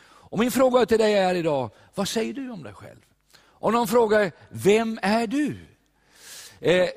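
An older man from Sweden preaching a sermon, animated and emphatic, recorded in a church. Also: fairly high pitch. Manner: animated, rising to emphatic peaks. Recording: long church reverb.

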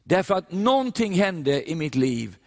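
An older man from Sweden preaching a sermon, animated and emphatic, recorded in a church. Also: high-pitched. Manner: animated, rising to emphatic peaks. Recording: long church reverb.

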